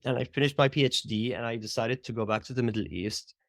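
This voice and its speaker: A man's voice: medium pitch, quick pace, vocal fry, no room sound. A middle-aged man from Syria with a Syrian Arabic accent, reflectively telling his story in an interview and often adding "like" and "right?". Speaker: guest, theater educator. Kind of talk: conversational interview.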